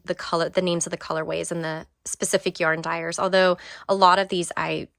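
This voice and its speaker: A young craft vlogger gives a casual, enthusiastic tour of her craft room, full of fillers and restarts, and is briefly out of breath. Her voice is fairly low in pitch with a fairly bright tone.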